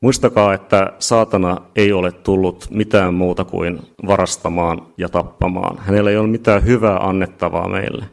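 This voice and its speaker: A man preaching a sermon, emphatic and building to shouts at key points. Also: deep voice, steady tone, creaky, few pauses. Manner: emphatic, rising to shouts at climaxes.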